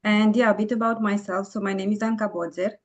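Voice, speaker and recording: A woman from Romania speaks as a podcast guest with a middle-pitched voice. She talks friendly and orderly, with the odd uh. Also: steady tone, quick pace, poor audio. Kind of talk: casual interview answers.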